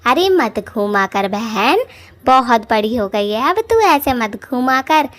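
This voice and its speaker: A woman's voice: on the high side, big pitch swings, slow pace. A woman voicing a fussy, gossipy middle-aged mother in a cartoon, nagging in rustic folksy speech.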